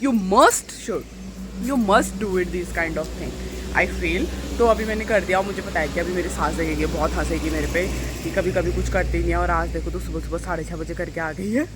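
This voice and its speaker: A woman's voice: on the low side, moderate pace, noisy background. A woman, chatting in a rambling, casual way in a daily home vlog, often mixing in English phrases. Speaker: vlogger.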